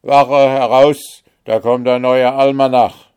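A man voicing a crowd of rough old gate guards who shout and jeer, loud and impatient, in a storybook reading. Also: mid-range voice, flat delivery, takes it slowly, pitched above the performer's own voice, close to an everyday voice. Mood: mocking shouts. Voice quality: rough, barking.

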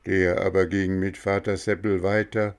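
A man reading a fairy tale aloud in a slow, deliberate way. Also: sits low, flat delivery, clear, resonant tone. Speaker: storyteller.

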